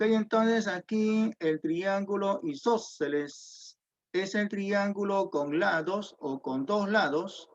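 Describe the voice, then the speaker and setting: Slow, high-voiced math teacher. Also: male voice. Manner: patient, explains step by step, asks students questions. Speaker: secondary school math teacher. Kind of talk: online geometry class. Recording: dull lo-fi audio.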